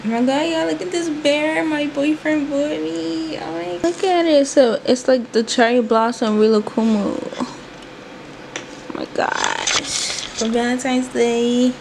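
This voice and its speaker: A woman in her twenties, vlogging from a small bedroom, talks in a casual, animated way to viewers she calls "y'all." Her high voice is gravelly and steady, and she takes her time. The phone camera starts in her hand and ends up propped on the desk, with background noise throughout.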